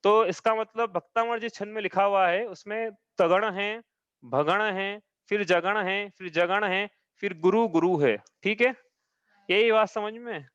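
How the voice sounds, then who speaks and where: A man's voice: sits high, unhurried, fairly bright tone, clean tone, dry recording. A man teaching an online class over a video call, explaining patiently step by step and often checking that his students follow. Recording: dull dry online-call audio.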